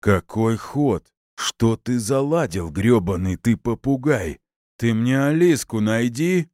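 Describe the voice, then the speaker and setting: A man voicing a drunk, foul-mouthed, hot-tempered middle-aged man who shouts and drags out his words. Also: on the low side, sing-song, no room sound, studio quality, pitched above the performer's own voice. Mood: furious, drunk. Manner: shouting, coarse, drawn-out words.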